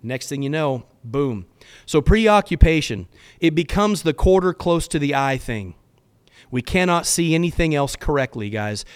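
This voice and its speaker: A man with a fairly high voice teaches on a podcast in an earnest, preaching manner. He exhorts his listeners in casual speech and stumbles over repeated words as he pushes his point. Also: smooth. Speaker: podcast host teaching on faith.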